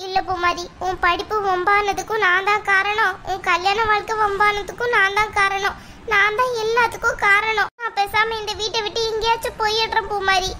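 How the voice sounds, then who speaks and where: Woman voicing a grieving cartoon village mother, very high. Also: little pitch movement, moderate pace, noisy background. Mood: self-blaming. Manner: lamenting, plaintive. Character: grieving middle-aged village mother, self-blaming. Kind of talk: cartoon voice acting.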